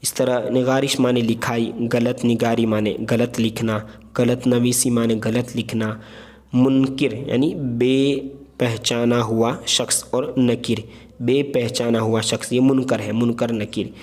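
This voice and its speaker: A man talks through a spelling lesson in a steady, mid-pitched voice. He goes patiently word by word, repeating terms and pausing to check that the point has landed. It sounds like a voice-over recorded over a screen lesson. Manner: patient, repeats words and checks with "theek hai". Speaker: Urdu teacher.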